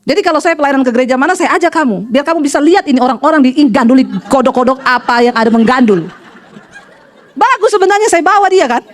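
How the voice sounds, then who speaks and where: A woman pastor preaching a sermon in an animated storytelling manner, acting out the voices of people in her stories. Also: fast talker. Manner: animated storytelling, quoting voices with shifts in pitch.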